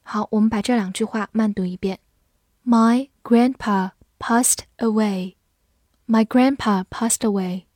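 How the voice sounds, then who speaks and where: A woman teaching English vocabulary, reading the example words slowly and patiently. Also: mid-range voice, steady tone, a little mellow, no echo, clean studio sound. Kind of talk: vocabulary lesson narration.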